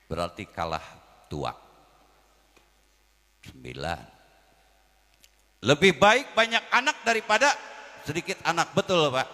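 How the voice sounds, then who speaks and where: Animated joking preacher in an echoing hall. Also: male voice, mid-range voice. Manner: joking, swings between loud calls and quiet asides. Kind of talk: comic Islamic sermon to a crowd.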